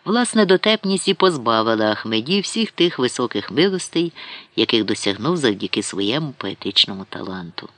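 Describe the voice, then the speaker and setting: Guy reading a history novel audiobook, steady storytelling, mid pitch, super dry close mic. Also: moderate pace, dry recording. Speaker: audiobook narrator. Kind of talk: scripted narration of a historical novel.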